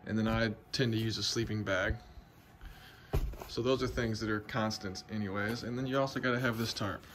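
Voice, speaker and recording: A man's voice: fairly low pitch, noisy background. Chatty young man vlogging at home. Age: young adult. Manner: relaxed, chatty, talks to the camera and his dog. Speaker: outdoor gear vlogger. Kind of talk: casual vlog walkthrough. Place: home basement room, indoors. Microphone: phone camera held close.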